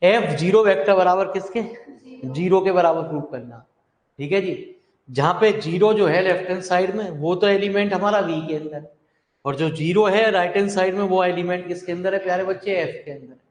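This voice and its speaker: A male math teacher giving a classroom lecture, speaking slowly and repeating himself while dictating notes to his students. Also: high-pitched. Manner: slow and repetitive, dictating notes, affectionate address to students. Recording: echoey hall.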